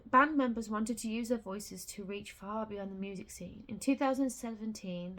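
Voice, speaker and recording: A woman's voice: medium pitch, fairly bright tone. A woman reading a booklet aloud in a casual vlog, stumbling over words and breaking off to swear. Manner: reads haltingly with restarts and swears in sudden outbursts. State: has the hiccups.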